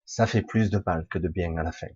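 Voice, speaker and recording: A man with a hoarse, husky, chesty voice recovering from a cough, giving a rambling, blunt, informal monologue to his followers, with casual swearing. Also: low voice, brisk, a little mellow, no room sound, dull audio. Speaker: spiritual vlogger speaking to followers.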